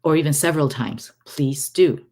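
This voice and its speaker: A woman giving a guided relaxation talk as an energy healer, halting and unhurried, with long pauses between phrases. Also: deep voice, warm tone. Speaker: energy healer hosting her own recordings.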